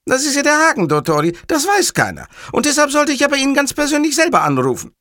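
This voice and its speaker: A man's voice: very high-pitched, wildly swooping pitch, quick pace, pushed and bright, no echo, studio quality, pitched above the performer's own voice, heavily acted. A man voicing a bumbling, overeager male police switchboard officer who rambles in muddled sentences. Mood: flustered eager.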